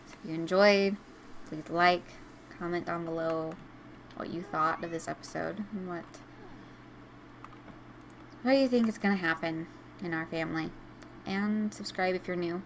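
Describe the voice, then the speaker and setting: A woman's voice: fairly low pitch, steady tone, unhurried, long pauses, fairly bright tone, slight background noise. A young woman giving chatty, emotional commentary while playing a life-sim game as a video host. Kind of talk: casual gameplay commentary.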